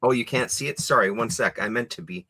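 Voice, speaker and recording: A man co-hosting a casual livestream chat over a video call, relaxed and rambling, now and then swearing offhand. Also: mid-range voice, fast talker, dry recording. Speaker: co-host.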